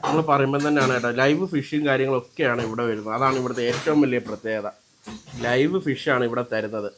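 Chatty Malayali food vlogger, faint noise. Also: male voice, medium pitch, fast talker. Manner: lively, chatty, talks straight to the viewers. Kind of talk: casual food vlog. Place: small roadside eatery.

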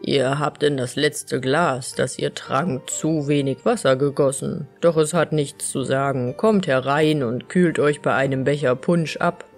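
A woman voicing a sceptical old man who speaks slowly and mockingly, for a storybook reading. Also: very deep voice, soft background music. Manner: slow, mocking murmur.

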